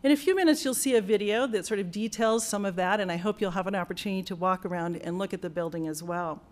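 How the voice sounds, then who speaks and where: A woman's voice: medium pitch, fast talker. Woman giving a grateful dedication speech. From United States. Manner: earnest, grateful, with frequent fillers and restarts. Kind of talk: formal ceremony speech. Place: university auditorium.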